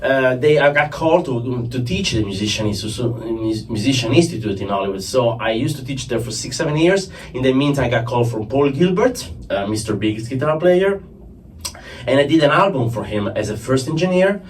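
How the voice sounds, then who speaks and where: A middle-aged Italian man with an Italian accent talks through his work in English, in a loose, rambling way with many restarts. His voice sits at a middle pitch and is picked up from a little way off the mic. A faint hiss of room noise sits underneath. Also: expressive, brisk, far from the mic. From Italy. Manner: rambling, self-correcting, laughs easily. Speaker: sound engineer and producer guest. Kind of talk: casual conversational interview. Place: rehearsal studio.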